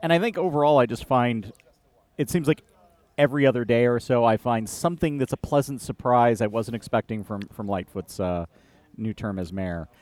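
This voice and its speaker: A man co-hosting a casual politics podcast, talking in a relaxed, halting way with many fillers and restarts. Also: mid-range voice, no room sound. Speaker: podcast co-host. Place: outdoor beer garden.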